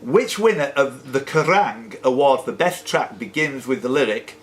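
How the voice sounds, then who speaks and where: This quiz host and question reader has an expressive mid-range voice at normal speed. Reading questions at a live pub-style quiz in a sports and social club room, he adds jokey, chatty banter on the fly, and the live room recording is noisy.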